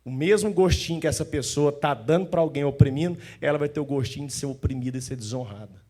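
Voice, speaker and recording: A man preaching a sermon as pastor in a church, animated, often acting out the voices of the people he describes. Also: a little high, quick pace.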